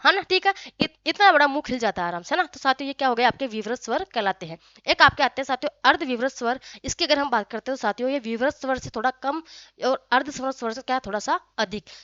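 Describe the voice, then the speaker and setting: A woman teacher giving a grammar lesson, often quizzing her students and sounding out vowels slowly. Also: sits high, a bit bright, no room sound, muffled recording. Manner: frequent questions to students, addresses them as friends.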